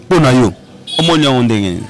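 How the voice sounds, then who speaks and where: A young man hosting a casual interview outdoors on a handheld mic, animated and quick to interject. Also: medium pitch. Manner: animated, interjecting, laughs often. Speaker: host. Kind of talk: casual interview in French and Lingala. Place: outdoor courtyard set.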